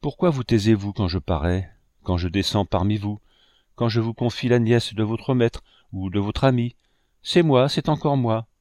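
A man's voice: lowish voice, a little mellow, no echo, clean studio sound, natural voice. A man reading aloud, voicing a feverish, exalted young orphan woman who pleads with her friends. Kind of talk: audiobook reading.

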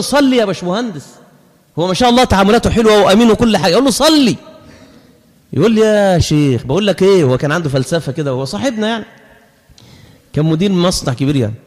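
A man with an Egyptian accent delivers an animated sermon, moving from playful colloquial asides into chanted recitation. His voice sits high for a man. The mosque gives every phrase a long, ringing reverb. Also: very fast. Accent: Egyptian Arabic. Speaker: preacher.

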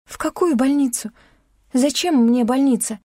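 A woman reading an audiobook, voicing a young woman screaming accusations in shrill, tearful outbursts. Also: moderate pace, warm tone, dry recording, studio quality. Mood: tearful hysterical.

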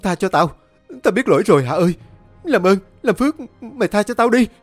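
Panicked young man begging for mercy, high and strained, a man puts him on. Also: lively intonation, a little fast, no room sound, soft background music. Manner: shrill, desperate pleading. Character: terrified young man begging for his life.

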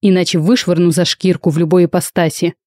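A woman's voice: fairly low pitch, level tone, a little fast, a little mellow, no room sound, clean studio sound, natural voice. A woman voicing a curt, hot-tempered young male dragon student. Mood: angry. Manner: curt and challenging.

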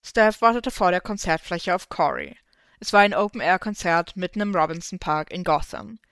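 Smooth, close woman narrating a story. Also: on the low side, moderate pace, a bit bright, dry recording. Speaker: fanfiction reader. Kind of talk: scripted narration of a fan story.

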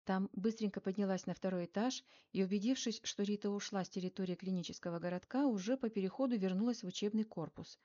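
A woman reading first-person narration for an audiobook, measured and even. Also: medium pitch, lo-fi sound.

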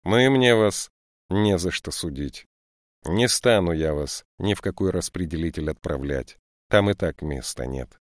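A man's voice: low voice, lively intonation, a little slow, no echo, clean studio sound. A man voicing a strict, stocky woman police lieutenant in an audiobook, scolding and lecturing young thieves. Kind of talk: audiobook character voice.

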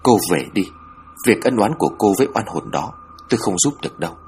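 Man as a stern old female spirit medium, cold muttering tone, lowish voice, faint hiss. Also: animated, fast talker, a little mellow, lightly acted. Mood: curt. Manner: mutters coldly.

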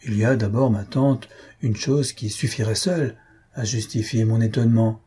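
A man's voice: on the low side, fairly even intonation, normal speed, dark tone, husky. A man reading aloud, voicing a carefree young nephew who teases and cajoles his aunt. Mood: arguing. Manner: cajoling, flippant.

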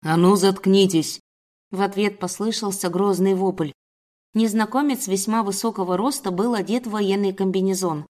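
A woman reading a first-person story aloud in steady storybook narration. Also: medium pitch, normal speed.

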